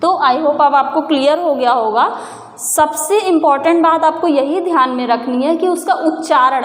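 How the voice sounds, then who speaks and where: A woman with a high voice explains a grammar lesson step by step. She patiently puts questions to the viewer and answers them herself. The sound is echoey, with a long reverb tail. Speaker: teacher.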